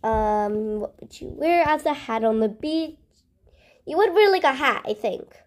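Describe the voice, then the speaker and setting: Thinking out loud as she plays, this woman narrates casually for her channel in a fairly high voice with lively intonation. Her delivery is very slow and hesitant, with sentences that frequently trail off into quiet murmurs.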